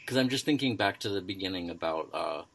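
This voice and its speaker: Deep-voiced man musing with many fillers. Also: animated, fast, vocal fry, fairly bright tone. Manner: hesitant, thinks aloud with many fillers. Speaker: podcast host. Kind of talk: casual study discussion.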